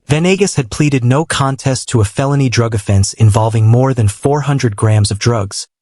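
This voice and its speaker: A man's voice: mid-range voice, normal speed, a little mellow, no room sound, clean studio sound. A man giving a serious scripted narration of a court case.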